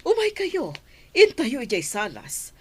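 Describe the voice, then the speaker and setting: A woman voices an older grandmother planning her grandson's wedding for a comedic radio drama. She sounds measured and earnest, with a fairly high pitch that swings dramatically.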